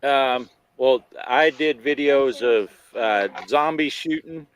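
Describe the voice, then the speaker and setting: A man's voice: medium pitch, takes it slowly. An American man telling casual anecdotes among friends in a joking, self-deprecating way. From Arizona, US. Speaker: host of a hobby gaming show. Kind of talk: casual anecdotal group chat.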